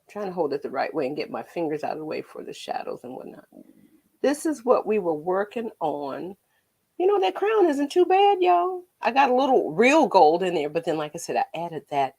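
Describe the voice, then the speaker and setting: A woman's voice: deep voice, creaky, breathy edge. An American woman with a tinny, slightly metallic voice chats casually on a painting livestream, rambling playfully to her viewers as host and art teacher.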